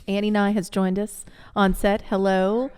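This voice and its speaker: A woman co-hosting a morning radio show, chatty and upbeat as she runs through event news. Her voice sits at a middle pitch. It carries a long echoing reverb, as if heard in a large room. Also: level tone, measured pace, a little mellow, clean tone. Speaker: radio co-host. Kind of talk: casual morning radio chat. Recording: long echoey studio reverb.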